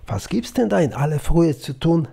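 Guy doing a cheery young farmhand, easygoing folksy talk, husky low voice. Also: big pitch swings, moderate pace, mellow, heavily acted. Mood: cheerful.

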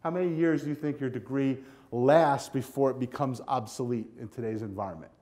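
A man's voice: medium pitch, a little fast. An older man giving a keynote speech to students in a hotel ballroom, talking energetically and directly, on a lapel mic. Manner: energetic, animated, walks the stage with a handheld clicker. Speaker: keynote speaker. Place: hotel ballroom with a seated audience.

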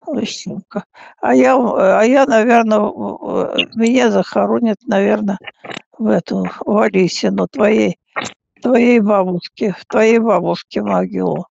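A frail woman in her eighties chatting casually on a phone call like a great-grandmother, halting and often repeating and stammering over words. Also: medium pitch, fairly even intonation, vocal fry, a little mellow. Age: 80s. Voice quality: frail, elderly voice. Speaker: great-grandmother talking with younger relative. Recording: dull, muffled phone call recording.

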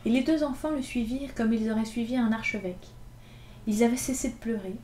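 A woman reading a classic novel aloud in an expressive, lively storytelling manner. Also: fairly high pitch, a little fast, slight background noise. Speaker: reader. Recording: echoey room with faint ambience.

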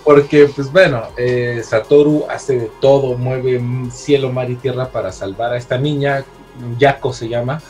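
A young man with a Mexican accent in casual chat, reviewing a series, slangy and quick to laugh. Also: mid-range voice, steady tone, darkish tone, faint music behind. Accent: Mexican Spanish. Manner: slangy, laughs often, restarts.

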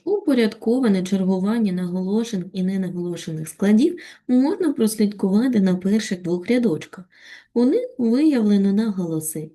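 A woman with a Ukrainian accent teaching a children's reading lesson on video, reciting a poem slowly and expressively, then patiently guiding the class. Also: mid-range voice. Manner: slow, expressive poetry recitation. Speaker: primary school teacher.

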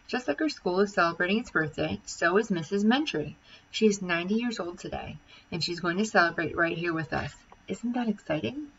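A woman reading aloud and voicing a formal school principal making measured announcements. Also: on the low side, lively intonation, a bit bright, muffled recording, a little hiss or hum. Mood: announcing.

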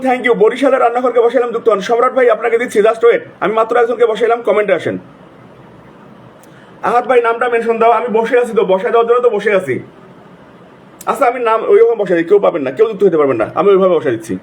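Very high, rapid-fire live host. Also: male voice, fairly even intonation, husky. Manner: repetitive, urgent calling out of names. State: sore throat. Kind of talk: live stream shout-outs.

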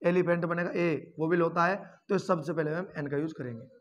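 A man's voice: on the high side, brisk. A man teaching grammar, spelling words out letter by letter and calling his viewers friends. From India. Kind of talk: classroom-style lesson.

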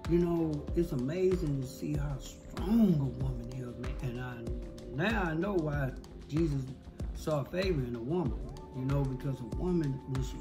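A middle-aged man with a slightly high voice talks casually, like a host at his table. He gives heartfelt advice emphatically, repeating his points in a preachy storytelling way. Music plays behind him. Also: moderate pace. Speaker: mukbang host. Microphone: desk microphone close in front.

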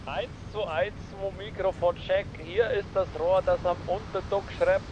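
Man, high voice, heard through a speaking tube, muffled and dull, faint background noise, joking. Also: steady tone, measured pace. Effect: heard through a ship's speaking tube. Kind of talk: casual chat while playing a game.

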